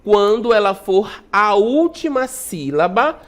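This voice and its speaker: Lively Brazilian woman teaching a lesson. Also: mid-range voice. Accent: Brazilian Portuguese. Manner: explanatory, constantly checks in with "né?" and "tá bom?"; stretches out syllables slowly to demonstrate stress. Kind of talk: recorded classroom lesson.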